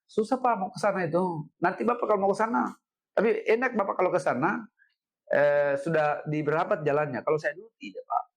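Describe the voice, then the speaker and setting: A middle-aged man, a guest telling a story in an interview, animated, repeating himself and ending lines with "Pak". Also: high-pitched, fairly quick. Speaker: head of city education office, guest.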